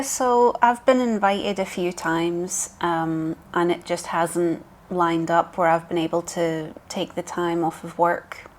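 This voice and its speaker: A woman co-hosting a podcast as a professional piercer, explaining steadily with frequent ums. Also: fairly low pitch. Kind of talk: casual chat.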